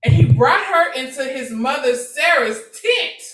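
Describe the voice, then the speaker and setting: A woman reading scripture aloud during a Bible discussion, steady and plain, with small restarts. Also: high voice, measured pace. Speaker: scripture reader. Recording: roomy and distant from the mic.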